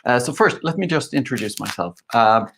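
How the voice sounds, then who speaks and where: A man's voice: mid-range voice, brisk, gravelly, a little hiss or hum. Swedish-born man giving an online tech talk. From Sweden. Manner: relaxed, with many fillers. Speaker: conference speaker.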